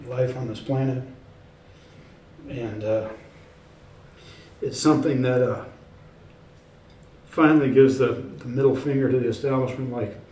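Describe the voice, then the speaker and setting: Rambling man, mellow voice, echoey room. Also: medium pitch, steady tone, unhurried, long pauses. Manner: rambling, many fillers and restarts; emphatic, self-assured. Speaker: author and researcher, interview guest. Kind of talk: casual in-person interview. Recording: echoey room, speaker far from mic, faint ambience.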